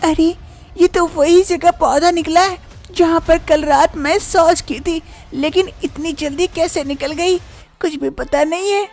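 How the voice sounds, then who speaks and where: A woman voicing a young village daughter-in-law in an animated storybook cartoon, anxious and chattering, often muttering to herself. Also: very high-pitched, a little slow, pitched above the performer's own voice. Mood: flustered.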